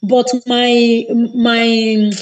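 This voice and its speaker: Brief: female caller, higher voice, hesitant, searches for words, heard from a distance. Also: flat delivery, drawn-out words. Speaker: caller asking a question. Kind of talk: live call-in question.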